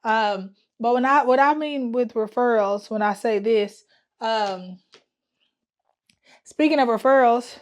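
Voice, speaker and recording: Speaking slowly in a fairly high voice, a woman records a casual talking-to-camera vlog about planning her travel business's marketing. She thinks aloud, full of fillers and false starts, and hums to herself while she works at the wall.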